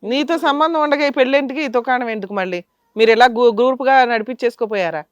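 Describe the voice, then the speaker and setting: Brief: woman host, high-pitched and fast, blunt and sarcastic, scolding the couple, dry close sound. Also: clear, resonant tone, no echo, highs cut off. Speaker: host of family dispute show. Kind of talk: probing, scolding questions.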